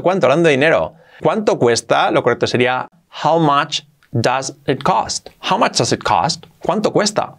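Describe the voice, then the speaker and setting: A man from Spain, teaching travel phrases in a video lesson, repeating each one slowly with lively jumps in pitch. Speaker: English teacher.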